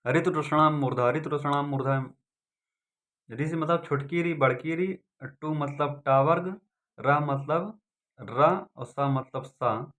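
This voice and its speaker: A man's voice: a little high, takes it slowly, fairly bright tone. A man teaching an exam-prep lesson, repeating points and asking and answering his own questions. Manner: repetitive, drilling, asks and answers own questions.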